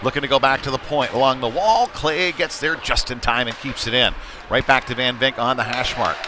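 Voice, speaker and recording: Speaking fairly quickly at a medium pitch, a man provides live play-by-play for a youth hockey game, conversational and somewhat hesitant. He's in an indoor ice hockey rink, and its noisy ambience is clearly heard.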